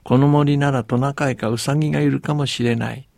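A man reading a story aloud and voicing a hungry, frightened young boy of the far north, speaking softly and timidly. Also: medium pitch, fairly even intonation, fairly quick, creaky, dry recording, studio quality, close to an everyday voice. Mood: timid, hushed. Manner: soft, hushed and timid.

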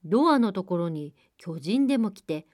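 A woman voicing an older king who questions his daughter gently. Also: medium pitch, lively intonation, moderate pace, no room sound, studio quality, close to an everyday voice. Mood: concerned.

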